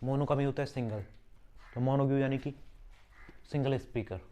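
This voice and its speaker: In a warm, medium-pitched voice with a steady tone and moderate pace, a man runs an exam-prep vocabulary lesson. Each English word gets spelled out letter by letter and explained through its roots and meaning, with frequent repetition and self-directed rhetorical questions.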